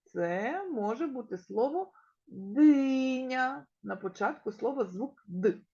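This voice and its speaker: A woman kindergarten teacher with a Ukrainian accent gives a slow, clearly articulated literacy lesson, stretching out key words and asking the children questions. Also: mid-range voice, lively intonation, dark tone, muffled recording. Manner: addresses children directly and asks them questions. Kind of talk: recorded preschool literacy lesson.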